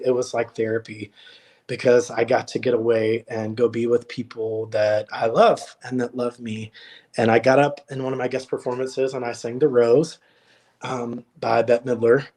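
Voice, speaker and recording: A young adult man speaking as a guest over a video call, at a middle pitch for a man. He talks in an earnest, reflective way, often pausing and searching for words. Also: darkish tone. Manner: earnest, reflective, many hesitations. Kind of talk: casual chat.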